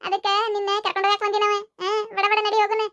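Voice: monotone, fairly bright tone, no room sound, studio quality. A voice actor playing a chatty, teasing village boy in a cartoon, speaking with a North Karnataka Kannada accent. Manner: high, rapid, teasing. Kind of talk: cartoon voice acting.

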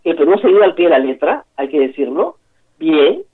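A woman's voice: low-pitched, very animated, fairly quick, husky. A woman from Peru hosting a political talk show, giving emphatic, opinionated commentary and repeating key words for stress. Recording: tinny phone line.

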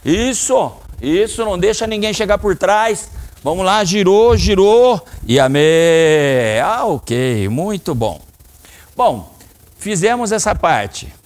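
A middle-aged man with a Brazilian Portuguese accent coaches a children's karate class. His voice is fairly high for a man and swings widely in pitch. He talks slowly and lays out each step with care. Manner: lively, coaching commands to children. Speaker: karate instructor. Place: training hall, indoors.

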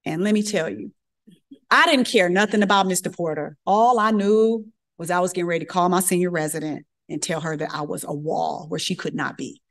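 A middle-aged woman physician giving a lecture as a lively, colloquial personal story, acting out the voices she quotes. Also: fairly low pitch, fairly quick.

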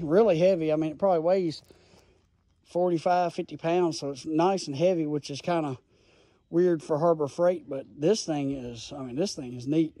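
A man's voice: on the high side, warm tone, no echo. A man giving an enthusiastic, folksy tool review, filmed on a handheld phone outdoors and in a garage. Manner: enthusiastic, folksy, rambling explanations. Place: outdoors in a gravel yard, then a garage. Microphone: phone camera held in hand.

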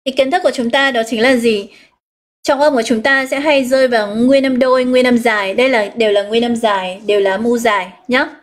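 Vietnamese woman teacher, slightly high voice. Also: fairly even intonation. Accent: Northern Vietnamese. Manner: explains step by step, reads out students' answers, drawn-out key words. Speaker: English teacher. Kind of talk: live online exam review lesson.

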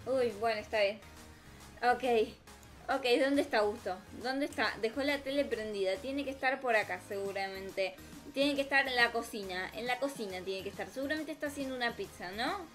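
High-pitched, melodramatic Argentine woman. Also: moderate pace, fairly bright tone. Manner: theatrical, melodramatic, talks to viewers and self. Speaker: gaming video host. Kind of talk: improvised role-play commentary over gameplay. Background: music.

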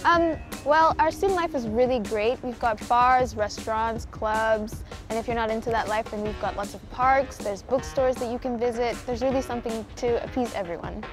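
A woman's voice: fairly high pitch, normal speed, few pauses. Upbeat nineteen-year-old woman from Zimbabwe. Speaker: student. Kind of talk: casual interview answers. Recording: background music under the voice.

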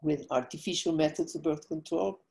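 A woman's voice: low voice, moderate pace, gravelly, a little mellow, poor audio. An older woman from Guatemala, a foundation president, explaining her work earnestly over a video call while feeling weak from illness.

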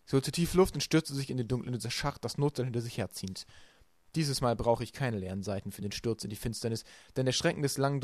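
A man reading a children's novel aloud as the narrator, telling the story in a lively way. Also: mid-range voice, dry recording. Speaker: audiobook reader.

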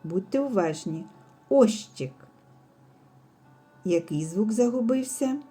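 Slow, soft-spoken woman teaching small children. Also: fairly low pitch, expressive, soft background music. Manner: slow, careful, clearly enunciated teacher talk. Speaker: preschool teacher. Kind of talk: speech development lesson for young children.

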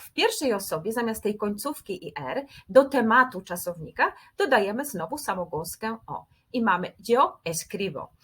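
A woman teaching Spanish grammar in a clear, methodical scripted lesson, repeating each pattern step by step. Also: medium pitch.

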